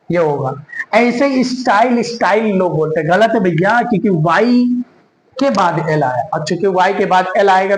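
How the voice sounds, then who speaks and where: A man teaches pronunciation, asking and answering his own questions. He is recorded in a roomy, echoing space a faint ambient hum underneath. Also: high voice. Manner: drills words by repeating them, asks and answers his own questions. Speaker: English teacher. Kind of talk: pronunciation lesson.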